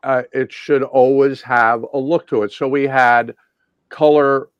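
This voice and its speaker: A man speaks in a middle-pitched voice, rambling casually through his memories with plenty of ums and restarts. The sound is dull and lo-fi, and very dry, with no room sound at all. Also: steady tone, measured pace, clear, resonant tone, no echo. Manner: rambling, many fillers and restarts. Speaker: guest lighting designer. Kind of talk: casual recollection.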